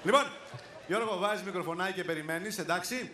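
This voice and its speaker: A man's voice: high voice, bright, forceful tone. A male comedian hosting a live stage show, calling up audience volunteers and teasing them playfully, often laughing. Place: large theater stage with audience. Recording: echoey live theater with crowd noise.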